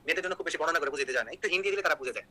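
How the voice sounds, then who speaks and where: A young man teaches an online exam-prep class at a rapid clip, joking as he goes and constantly checking that his students follow. His voice is bright and tense, a little higher than most men's, and he talks very fast. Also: lively intonation, low-quality recording. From Bangladesh. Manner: rapid, joking, repeats key points with "ঠিক আছে?".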